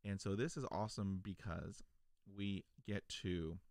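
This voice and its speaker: Speaking personally to camera as a vlogger and podcast host, this man stutters on first sounds but remains earnest and encouraging with his viewers. His voice is low-ish, darkish, steady, and a little slow, captured close on a large boom-arm podcast mic in a small indoor home studio, sounding very dry and dead with no room sound.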